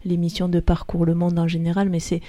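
Radio host, woman, mellow low voice, studio interview, halting speech. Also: completely flat delivery. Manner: hesitant, frequent fillers. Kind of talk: radio talk show interview.

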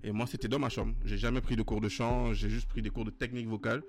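A man's voice: mid-range voice, flat delivery, fast. A man from Guiana, talking casually as a guest musician, hesitant, with many fillers and restarts. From French Guiana. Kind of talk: casual interview chat. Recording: music playing behind.

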